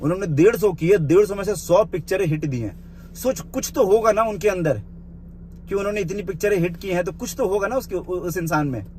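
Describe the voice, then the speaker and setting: Animated and a little fast, a man with a noticeably high-pitched, darkish voice vents in a heated rant to camera over slight background noise. The vlogger goes through a rival's live-video claims point by point, scolding him bluntly with the informal "you."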